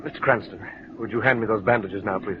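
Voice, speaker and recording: An actor playing a polite, attentive doctor in 1940s radio style. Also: male voice, fairly low pitch, quick pace, close to an everyday voice. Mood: polite, busy. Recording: muffled, noisy old radio recording.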